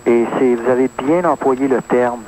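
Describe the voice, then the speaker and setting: A thirtysomething man with a Québécois French accent calls a radio show and testifies earnestly, hesitating often with fillers. He has a mid-range voice, fairly even intonation and a moderate pace. The AM radio line has a faint hiss.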